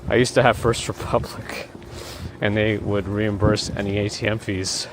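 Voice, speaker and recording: A man with a lowish voice walks through a snowstorm, chatting into his phone on a live stream. He wanders from topic to topic and stops to thank viewers. The city around him comes through clearly behind his voice. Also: level tone, moderate pace, noisy background. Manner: rambling, thanks viewers by name. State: losing his voice. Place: snowy city streets outdoors in a blizzard. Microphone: handheld phone.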